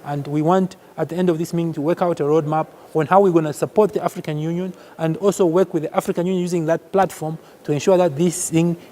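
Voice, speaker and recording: A man from Zambia, a surgeon and health diplomat, speaking in an earnest, measured interview statement with some restarts. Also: a little high, dark tone.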